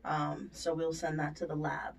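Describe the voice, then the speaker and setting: In a low voice with vocal fry and a completely flat delivery, a woman on dental surgery staff explains aftercare instructions step by step at a moderate pace, informally checking in often. The sound comes from a distant microphone indoors at a clinic, with faint room noise.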